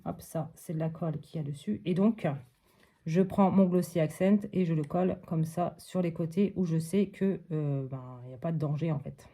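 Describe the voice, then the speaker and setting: A woman's voice: low voice, normal speed. A woman from France talking through a scrapbooking project step by step, with frequent fillers and little "hop" sounds as she works. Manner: narrates each step with many fillers and soft "hop". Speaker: crafting vlogger. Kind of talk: casual crafting commentary.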